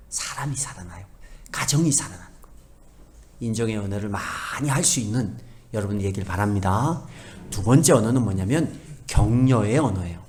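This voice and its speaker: A middle-aged male pastor preaching a sermon, swinging between loud emphasis and soft asides and acting out everyday family talk in quoted voices. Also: medium pitch.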